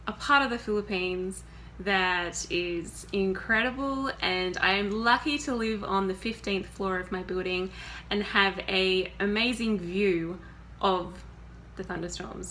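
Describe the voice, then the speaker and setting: A woman chatting casually in a vlog from her apartment and balcony, with fillers and soft laughs. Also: mid-range voice, a little hiss or hum. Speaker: vlogger. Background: music.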